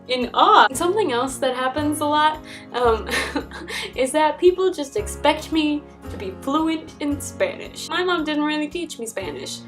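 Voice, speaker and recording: A young American woman vlogs to camera, chatting about personal stories in a kind of high voice, animated but a little slow, and acting out quoted conversations. She sounds a bit far from the mic, with acoustic folk instrumental music underneath.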